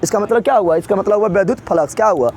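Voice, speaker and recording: A man's voice: high-pitched, very fast, darkish tone. A man teaching a physics lesson, asking students questions and repeating key words again and again. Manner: repetitive call-and-response questioning. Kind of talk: classroom lecture.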